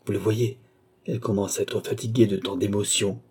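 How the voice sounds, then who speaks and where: A man voicing a commanding, mysterious count in an audiobook, giving firm, measured orders. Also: lowish voice, fairly even intonation, a little mellow, husky. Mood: imperious.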